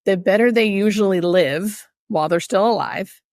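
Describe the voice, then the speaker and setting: A woman's voice: mid-range voice, normal speed, darkish tone, no echo, studio quality. A woman speaking as a hospice nurse in an interview, explaining things earnestly and emphatically, repeating key phrases for stress.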